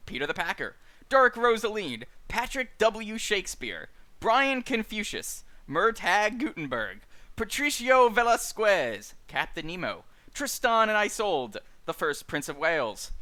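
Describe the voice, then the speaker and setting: Man, fairly high voice, lively pitch, halting casual talk with fillers, book club host on stream. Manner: lively, halting with many fillers, dry asides. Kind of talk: casual chat, reading a list of names. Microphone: streaming mic.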